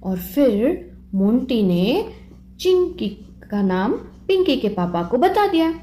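A woman's voice: on the high side, very animated, slow pace, warm tone. Sing-song woman telling a kids' story. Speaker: children's storyteller. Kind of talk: puppet storytelling for kids. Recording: roomy echo.

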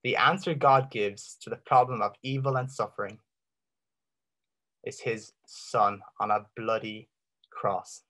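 A man's voice: fairly low pitch, bright, forceful tone. Irish man giving an earnest faith talk. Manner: rhetorical questions with dramatic pauses, rising and falling intensity. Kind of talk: apologetic talk.

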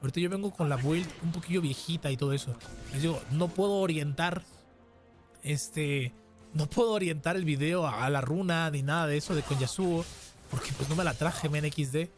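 Excitable man commentating gameplay. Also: on the high side, normal speed. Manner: excitable, taunts opponents in a sing-song voice. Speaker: gaming streamer. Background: background music.

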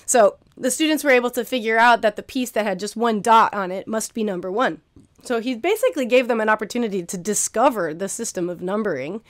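A woman's voice: on the high side, brisk, no room sound, clean studio sound. A young woman giving a recorded keynote as a garden teacher, earnest and encouraging, often repeating phrases for emphasis. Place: indoor room at home, video recording.

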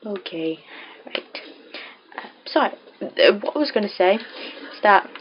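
A woman's voice: mid-range voice, animated, takes it slowly. A young English woman giving casual, self-deprecating commentary while playing a game at home, talking to herself. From England. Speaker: let's play gamer. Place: home room. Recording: dull lo-fi mic with clear noise.

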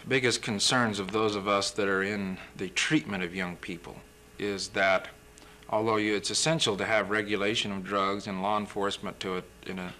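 Young guy, low voice, kinda forceful tone, explaining slow and careful in a tv studio, faint hiss. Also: fairly even intonation. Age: young adult. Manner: measured, explanatory, occasional throat-clearing. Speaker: physician guest. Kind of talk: interview answers.

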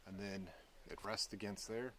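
A man's voice: fairly low pitch, little pitch movement, normal speed, a bit bright. A man giving a casual outdoor walkaround, explaining trailer gear step by step at a wooded campground. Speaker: trailer review vlogger.

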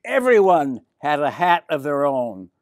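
A man's voice: fairly high pitch, sing-song, a little slow, no echo, studio quality. Chatty older man reading a picture book. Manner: chatty, with asides to the children. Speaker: resident reader. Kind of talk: children's storytime reading.

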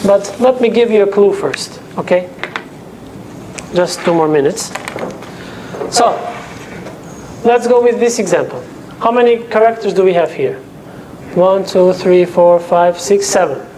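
Teaching in a lecture room with a whiteboard and projector, a young teaching assistant who is not a native English speaker talks a little slowly in a high-pitched voice with lively intonation. He lays things out step by step, often pausing with "okay?" to check the class keeps up. His lapel mic picks up a noisy background.

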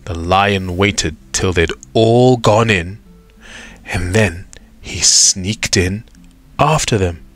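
A man reading a children's picture book aloud, expressive with dramatic pauses. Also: low-pitched, faint music behind. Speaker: storyteller. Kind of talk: children's storybook read-aloud.

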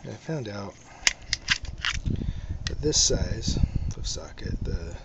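A man showing a car repair himself, talking in a slow, halting, casual way with many pauses, recorded on a handheld camera outdoors at night under a truck. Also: fairly low pitch, lively intonation. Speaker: DIY video maker. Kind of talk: casual how-to demonstration. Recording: loud noise behind the voice.

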